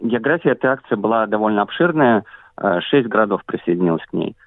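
Gravelly man on a tinny phone line. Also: on the low side, expressive, no echo. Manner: measured, frequent filler sounds, careful listing. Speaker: activist coordinator interviewed as guest. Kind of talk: remote interview answers.

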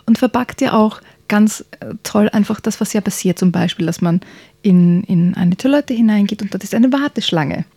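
A woman podcast host reading a children's story aloud in a soft, partly whispered way, then talking about the book. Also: mid-range voice, moderate pace, breathy edge, no echo, clean studio sound.

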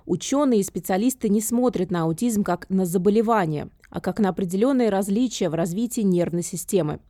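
Mellow female radio presenter, close dry sound. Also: mid-range voice, a little fast, no room sound. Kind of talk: scripted radio narration.

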